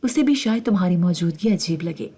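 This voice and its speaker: A woman voicing a nervous, evasive wife who pleads with her husband in hushed tones in a story reading. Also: lowish voice, animated, breathy edge. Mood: pleading.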